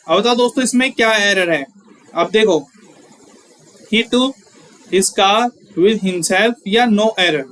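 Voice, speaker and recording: High-voiced man teaching grammar slowly. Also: a bit bright, rough recording. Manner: explains step by step, asks the viewers questions; reads example sentences slowly word by word. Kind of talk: exam-prep grammar lesson.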